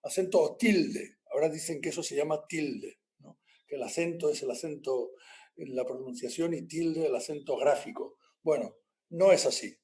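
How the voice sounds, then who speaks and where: A man lecturing his class in a relaxed, digressive manner. His voice sits a little high for a man yet sounds mellow and soft-edged. He winds through his points with fillers and keeps checking in with a quick tag question. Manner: rambling, ends phrases with a tag question, many fillers. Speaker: university lecturer.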